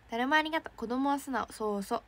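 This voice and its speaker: A young woman, an idol trainee, chatting casually on a livestream and reacting excitedly to fan messages. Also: on the high side. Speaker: idol trainee streaming to fans.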